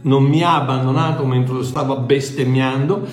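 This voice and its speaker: An older man preaches in a conversational way, speaking directly to his listeners at a middle pitch. He drives points home by repeating short phrases and often restarts mid-sentence. The sound is noticeably echoey, like a reverberant room. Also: steady tone, normal speed, soft background music. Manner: emphatic repetition, self-correcting, conversational. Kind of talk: informal sermon, teaching directly to listeners.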